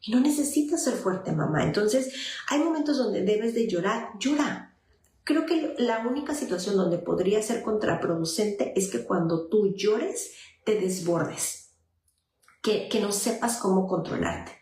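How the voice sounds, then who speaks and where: On a live parenting advice stream, a female child psychologist responds to viewer messages in a mid-range, expressive, slightly mellow voice at an unhurried pace. She often uses fillers and restarts her sentences, and the recording has an echoey room sound.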